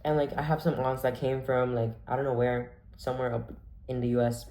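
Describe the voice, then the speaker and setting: A man's voice: medium pitch, fairly even intonation, fairly quick, mellow. A young man telling a story casually, full of "like" and acted-out quotes. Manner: chatty, full of "like", acts out quoted voices. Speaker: vlogger. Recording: echoey room.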